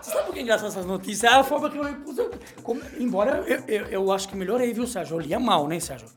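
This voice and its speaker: A middle-aged man hosts a comedic radio show. He jokes, rambles and reads news items aloud in a small studio, with his pitch swinging up and down as he talks. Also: lively intonation, fast talker. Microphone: studio microphone.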